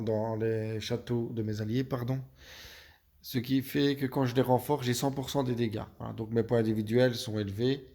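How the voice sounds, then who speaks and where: A Belgian gaming YouTuber with a Belgian French accent and a dark, medium-pitched voice gives casual gameplay tips. He sounds hesitant, full of fillers and self-corrections.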